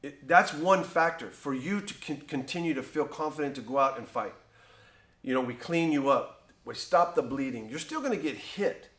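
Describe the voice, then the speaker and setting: A man speaks as a cutman guest in an interview, animated and acting out the people in his stories. His voice sits a little high, and the room gives it a clear echo. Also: normal speed. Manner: animated, acts out quoted exchanges. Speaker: cutman and trainer. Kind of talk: conversational interview storytelling.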